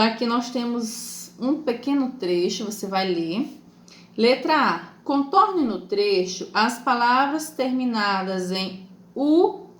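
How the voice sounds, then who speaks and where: A Brazilian woman teacher giving a lesson to children, talking slowly and patiently, spelling out letters and syllables. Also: a little high. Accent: Brazilian Portuguese. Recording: echoey room with faint noise.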